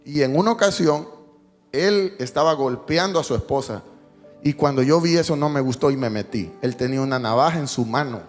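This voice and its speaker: A male pastor preaching a sermon, telling a personal story with jokes and dropping to a hushed tone for emotional moments. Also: medium pitch, fairly quick. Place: church sanctuary. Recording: long hall reverb, faint music behind.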